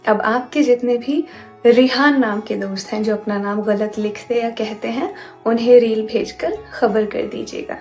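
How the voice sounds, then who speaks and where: A woman teaching vocabulary in a slow lesson reel. She says each word carefully and corrects common words one by one. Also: fairly high pitch, darkish tone. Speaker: language teacher. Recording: echoey room with faint background music.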